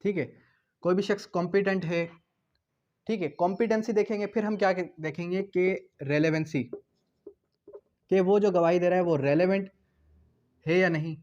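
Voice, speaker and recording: A Pakistani law teacher with a noticeably high, darkish voice lectures at normal speed with fairly even intonation and long pauses. Didactic and repetitive, he poses questions and answers them, blending Hindi-Urdu with English legal terms. The recording is somewhat dull and lo-fi.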